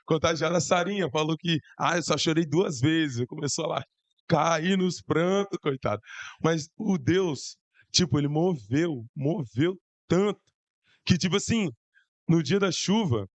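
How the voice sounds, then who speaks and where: A hoarse young man with a Brazilian Portuguese accent, telling a church testimony in an excited, slangy way. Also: a little high, no echo. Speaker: church youth member giving testimony. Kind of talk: casual testimony to a congregation.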